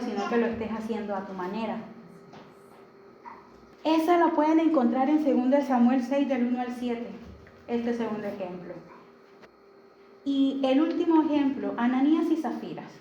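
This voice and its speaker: In a church service hall, a woman preaches emphatically on a Sunday, returning to key phrases and frequently asking rhetorical questions of the congregation. Her voice is a little high and dark in tone; the echoey, slightly dull recording has some hiss or hum.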